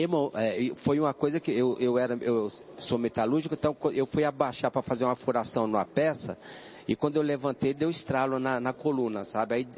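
A man in his sixties giving a personal religious testimony, talking haltingly with many repeated words and calling the listener brother. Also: medium pitch, darkish tone, muffled recording, slight background noise. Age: 60s. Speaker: church testimony guest.

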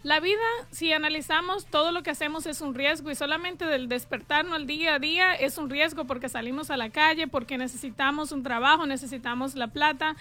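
High, bright Caribbean Spanish-accented woman. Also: fairly even intonation, a little fast, few pauses. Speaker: real estate agent co-hosting a show. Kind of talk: spontaneous advisory talk to listeners.

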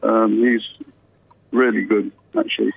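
A man calling in to a radio show over a muffled, underwater-sounding hands-free phone line, talking in halting bursts full of fillers. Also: lowish voice, little pitch movement, creaky, husky, no echo. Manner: halting, many fillers and restarts. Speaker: caller to a talk radio show. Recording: tinny muffled phone line with faint background noise.

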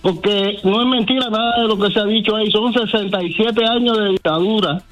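A man's voice: high voice, fairly quick, music in the background, rough recording. A man calling into a radio show, indignant and emphatic. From Cuba. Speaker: caller. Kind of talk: call-in radio talk.

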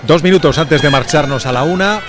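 Brisk radio reporter. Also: male voice, fairly high pitch, music in the background. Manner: brisk broadcast delivery. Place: outdoors at a city square event.

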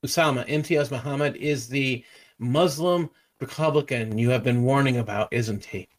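A man co-hosting, reading a news item aloud in a steady, scripted manner. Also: mid-range voice, moderate pace.

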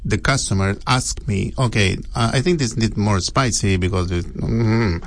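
A man from Chile with a Chilean Spanish accent, a restaurant cook speaking in an interview, halting and often restarting, saying "you know" a lot. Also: fairly low pitch, vocal fry.

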